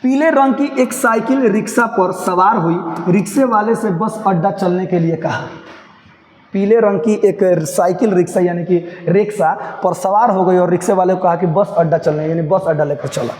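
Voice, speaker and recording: A male teacher with a high voice walks students through a story line by line. He repeats key phrases, checks that they follow, and calls them "babu". His voice rings in a large hall with a long reverb over faint noise. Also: normal speed, a little mellow. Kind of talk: line-by-line lesson explanation.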